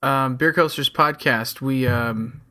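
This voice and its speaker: A man's voice: mid-range voice, slow, sharp tone. A man co-hosting a beer podcast, easygoing in casual chat. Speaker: podcast co-host.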